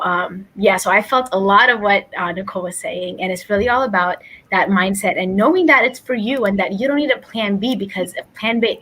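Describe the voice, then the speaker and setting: Young woman, from Ethiopia, interview guest, earnest, reflective, mid-pitched, video call. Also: a bit bright, breathy edge. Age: young adult. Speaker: guest, incoming college student. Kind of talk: interview answers.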